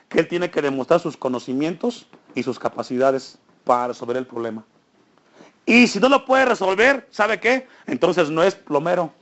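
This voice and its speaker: A man's voice: high-pitched, fairly bright tone, muffled recording. A male pastor preaching a sermon in a church, asking the congregation frequent questions and building emphasis.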